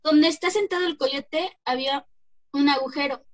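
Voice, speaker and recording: A woman with a Mexican accent narrating a folk tale in a plain, slightly halting reading voice. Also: sits high, no echo. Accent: Mexican Spanish.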